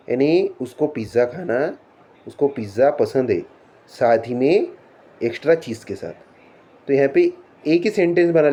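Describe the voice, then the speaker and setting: मराठी लहजे वाला एक आदमी अंग्रेज़ी व्याकरण की कक्षा पढ़ाता है, अंग्रेज़ी नियम धीरे-धीरे पढ़ता है और फिर हिंदी में सवाल पूछकर समझाता है।. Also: male voice, mid-range voice, dark tone. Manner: reads English rules slowly, then explains in Hindi with rhetorical questions. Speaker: English teacher. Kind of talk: classroom lesson explaining punctuation.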